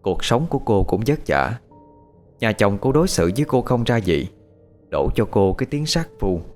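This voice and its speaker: Low-voiced man telling a horror story. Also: big pitch swings, moderate pace, darkish tone. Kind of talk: scripted horror story narration. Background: faint music.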